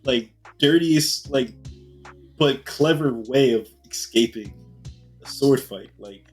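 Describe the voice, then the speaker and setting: A young man chatting casually on a podcast with a congested, husky voice. He tells things in an animated, joking way and laughs between his lines. Quiet music plays faintly underneath. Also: mid-range voice, slow. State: stuffy nose, congested. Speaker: podcast co-host. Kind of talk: casual chat.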